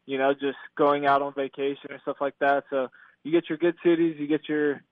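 This twenty-something baseball player from California, United States, speaks briskly in a fairly high voice with flat delivery. He's a laid-back phone interview guest, heard dry through a tinny, narrow line.

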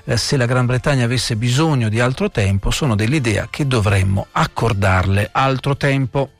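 Male radio news host, mid-pitched, explanatory, pausing as he presents and reads statements. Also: soft background music.

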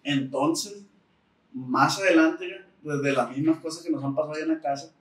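A man's voice: a little high, moderate pace, husky. Slangy Mexican man telling a story. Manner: slangy, animated, acts out quoted dialogue. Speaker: podcast guest. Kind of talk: casual storytelling.

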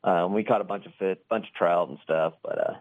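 A man's voice: deep voice, fairly quick. A man chatting casually as a radio show guest, telling stories over a phone line. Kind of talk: casual chat, storytelling. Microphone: phone call.

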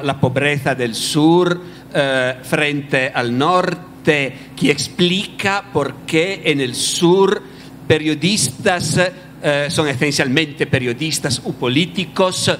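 A man speaks in a panel discussion, halting as he searches for words. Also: on the high side, a bit bright, slight background noise.

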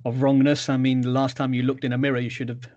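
A man's voice: medium pitch, monotone, quick pace, darkish tone, dull audio. A British man co-hosting in casual banter with dry, teasing humour. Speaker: podcast co-host.

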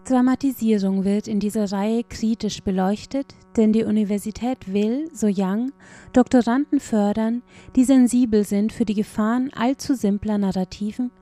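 A woman's voice: mid-range voice, moderate pace, mellow, soft background music. A woman reading a scripted cultural report as a radio reporter.

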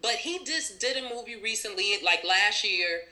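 A woman in her thirties hosting a casual chat, animated and quick to laugh, with loose slangy speech. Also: mid-range voice. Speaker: podcast host.

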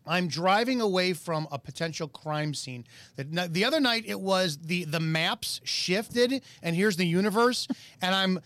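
A man's voice: sits high, animated, unhurried, fairly bright tone, no echo. A middle-aged man co-hosting a comedic talk show, telling stories in a rambling, profane way. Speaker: radio show co-host. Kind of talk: casual comedic chat.

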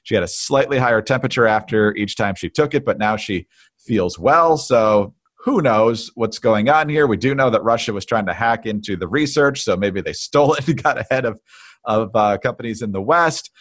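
A man hosting a political talk show, briskly introducing topics and putting questions to his guest. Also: lowish voice. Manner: brisk, conversational, leading the discussion. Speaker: podcast host. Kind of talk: casual political chat.

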